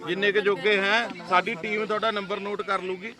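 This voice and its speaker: A man from a relief team giving brisk instructions outdoors. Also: high voice, little pitch movement, crowd noise.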